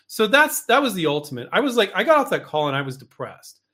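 A man's voice: high-pitched, sing-song, fast, bright, forceful tone. Blunt, chatty male advice coach. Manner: frank and blunt, with mild swearing; chatty, with many restarts and asides. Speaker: invention licensing coach. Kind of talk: casual advice talk.

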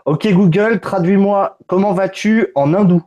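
A man's voice: high voice, unhurried, warm tone, highs cut off. A man hosting a casual live unboxing stream, loose and joking, swearing casually. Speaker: tech streamer.

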